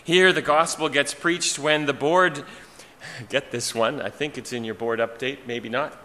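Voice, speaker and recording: A pastor preaching a sermon in a church sanctuary, with a slow, rhythmic delivery built on repeated refrains and dramatic pauses. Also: male voice, mid-range voice, steady tone, pushed and bright. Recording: hall reverb, faint ambience.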